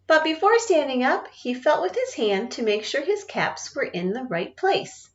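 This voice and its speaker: A woman teacher reading a picture book aloud to children, expressive and often asking them questions. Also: sits high, moderate pace, echoey room. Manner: expressive, asks listeners questions. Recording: dull lo-fi sound.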